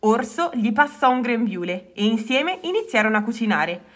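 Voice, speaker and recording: A woman reading a children's story aloud, expressive. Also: on the high side, normal speed.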